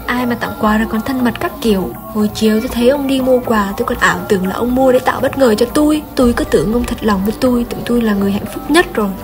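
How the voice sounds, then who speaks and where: A woman voicing a jealous young schoolgirl who scolds in a shrill, rapid way. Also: lightly acted. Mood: furious. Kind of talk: amateur voice acting for a game drama. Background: music.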